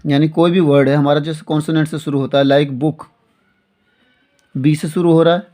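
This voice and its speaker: A man teaching English grammar in Hindi, explaining slowly, repeating his points and often checking that students follow. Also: on the high side, flat delivery, dark tone. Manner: slow and repetitive, often asking "theek hai na". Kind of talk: classroom-style lesson explaining in Hindi with English examples.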